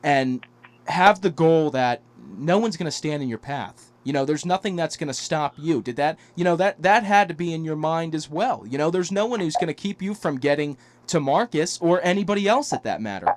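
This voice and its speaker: A man's voice: a little high, expressive, moderate pace. A man hosting an interview, asking long, hedging questions full of "you know". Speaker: interview host.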